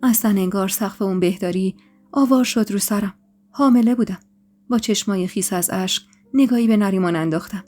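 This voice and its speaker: A woman storyteller reading a dramatic first-person story in an emotional, expressive way, with faint music behind her. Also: medium pitch. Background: faint background music.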